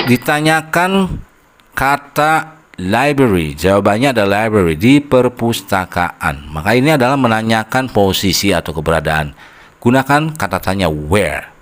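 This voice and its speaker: Male online English teacher, unhurried voice-over, casual buddy-like tone, keeps checking in with "okay". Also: sits low. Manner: patient, explains step by step with frequent "oke" and "ya"; addresses viewers as "sob". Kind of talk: slide-based grammar lesson.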